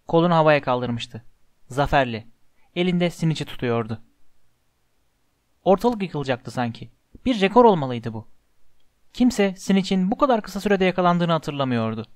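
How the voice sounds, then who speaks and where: A man reads an audiobook aloud in a somewhat high voice, telling the story in an expressive, measured way. The sound is close and dry, with no room to it. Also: no echo. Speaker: narrator. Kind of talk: audiobook narration.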